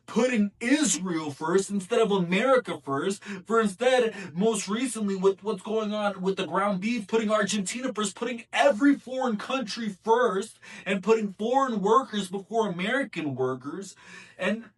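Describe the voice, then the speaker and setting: Fired-up guy doing political commentary, kinda high voice, sounds a bit off-mic. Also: moderate pace, slightly rough, recorded from a distance. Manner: indignant, emphatic, repeats for stress. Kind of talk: opinionated commentary vlog.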